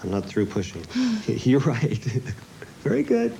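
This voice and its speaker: A man's voice: mid-range voice, very animated, slow pace, vocal fry, mellow. A man presenting an infomercial on location, informally quizzing people and sounding amused and impressed. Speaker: presenter testing students. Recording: noisy room on location.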